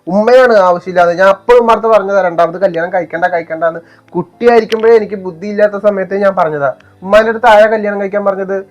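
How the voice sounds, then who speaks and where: A resentful young son , played by a man with a Malappuram Malayalam accent, defiant and bitter toward his stepfather. His voice is somewhat high for a man. Faint music plays behind him. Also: lightly acted. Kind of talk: amateur family short film acting.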